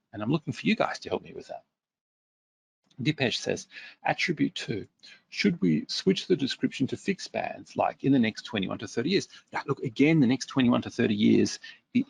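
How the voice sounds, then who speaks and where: Running a workshop-style webinar, a male presenter reads out viewer comments and questions and talks them through in a relaxed, conversational way with fillers. His deep, gravelly, slightly husky voice has a lively pitch that rises and falls often, recorded dry and close to the mic.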